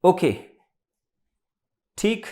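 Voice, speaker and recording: A man's voice: extremely slow, mellow, echoey room. A man with an Indian accent teaching a live online exam-prep class, often repeating points and checking that students have understood.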